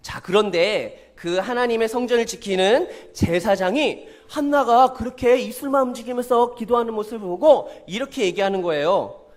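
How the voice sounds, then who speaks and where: A man, a children's pastor, telling a Bible story in an animated way and asking the children questions. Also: sits high, normal speed.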